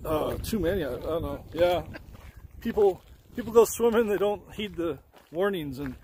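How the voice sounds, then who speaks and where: Animated and mellow, a man with a high voice talks at a moderate pace while hosting his travel vlog on a hiking trail. The camera-mic recording has slight background noise, and his easygoing narration wanders along, full of fillers.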